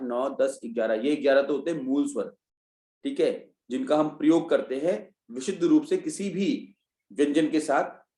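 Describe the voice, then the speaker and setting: Hindi teacher man with a mellow, echoey voice. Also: medium pitch. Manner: explains step by step, asks and answers his own questions. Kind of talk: online revision class. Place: online class, students joining remotely.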